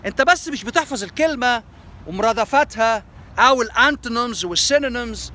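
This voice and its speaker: In this lesson promo, an Egyptian man with an Egyptian Arabic accent teaches language skills, going back and forth between Arabic and English to explain and repeat terms. He talks fast with a very high pitch, lively intonation and a sharp tone, over slight background noise.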